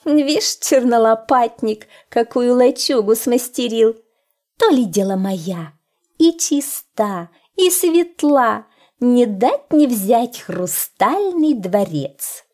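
A sly, scornful vixen from a storybook who taunts and threatens, as a woman acts her out. She stretches her words slowly, and her voice swings widely in pitch with a warm, dark tone. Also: lively intonation. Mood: mocking. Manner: mocking, taunting.

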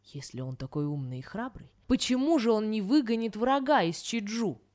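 A woman reading a folk tale aloud, voicing a calm, wise old male peasant who speaks steadily and unafraid. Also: medium pitch, moderate pace, lightly acted.

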